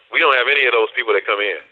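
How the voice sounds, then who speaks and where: A man in his forties talks over a prison payphone line, his voice thin and tinny as if squeezed through a phone. The sound is close and dry with no room around it. He speaks softly and haltingly, stopping and restarting often. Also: medium pitch, lively intonation, no room sound. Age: 40s. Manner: halting, soft-spoken, many fillers and restarts. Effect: prison payphone call line. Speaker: incarcerated student interviewee. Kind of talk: casual phone interview.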